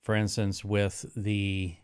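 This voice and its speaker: In his studio, a live streaming tech host demos audio gear through a close dynamic broadcast mic. His nasal voice is on the low side, smooth and monotone, and he takes it slowly while rambling, restarting, and correcting himself amid frequent fillers.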